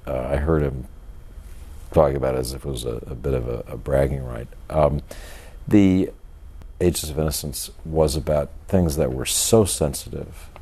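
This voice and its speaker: An older man speaking as an author in an interview, in a measured, halting, thoughtful and monotone way. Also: extremely low pitch, slightly rough. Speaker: author and journalist being interviewed. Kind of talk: reflective interview talk.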